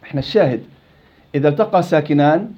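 A fast-talking man with a Levantine Arabic accent leads a recitation class, firing questions at his students and repeating each word to drill it. His voice sits high, and the recording sounds dull and lo-fi. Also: animated. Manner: quizzes students, repeats words to drill them. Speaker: Quran recitation teacher. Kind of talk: interactive tajweed lesson.

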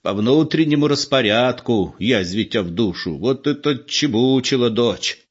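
Man voicing a crafty old countryman, gruff and lively, dull recording. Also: medium pitch, a little slow, voice pushed up. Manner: gruff, sly, folksy.

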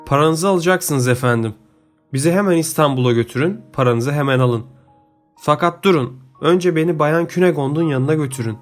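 A man's voice: on the high side, brisk, soft background music, close to an everyday voice. A man reading an audiobook, voicing a naive, earnest young man who talks eagerly and exclaims often.

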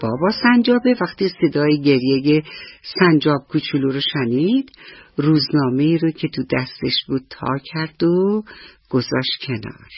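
Husky woman telling a bedtime story. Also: low-pitched, expressive, no room sound, lo-fi sound, faint music behind. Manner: affectionate, soothing, sing-song. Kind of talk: radio bedtime story narration.

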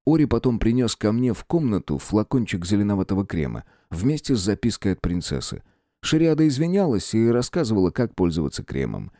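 A man's voice: on the low side, fairly quick, no room sound, clean studio sound. A man narrating a fantasy audiobook in the first person, expressively. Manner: expressive storytelling. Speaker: audiobook reader.

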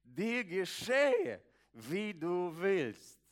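A preacher voicing a solemn, slow-spoken teacher. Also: male voice, high voice, wildly swooping pitch, exaggerated voice. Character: calm, authoritative male teacher.

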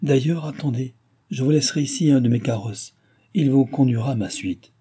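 Guy putting on a regal young princess voice, brisk and bossy but kind, mellow and husky. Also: medium pitch, pitched above the performer's own voice, close to an everyday voice. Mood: gracious, commanding. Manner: brisk, imperious, graciously warm. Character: young royal dauphine, gracious yet commanding woman. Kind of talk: audiobook character reading.

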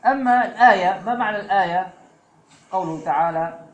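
Male preacher, slightly high voice, echoey hall. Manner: fillers and asides, slows to recite verses. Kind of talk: religious lesson. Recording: echoey room with faint ambience.

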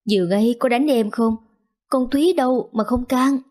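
Woman doing a fretful middle-aged older sister, raised pitch, mellow tone. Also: moderate pace, close to an everyday voice. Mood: anxious. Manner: anxious, emotional.

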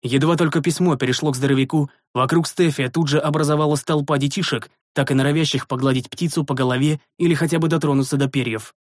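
A man narrating a first-person fantasy story in a measured, expressive way. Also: fairly high pitch, no room sound, clean studio sound. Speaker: audiobook narrator.

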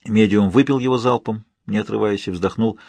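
A man narrating an audiobook in the first person, with steady, measured storytelling. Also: fairly low pitch, creaky, no echo.

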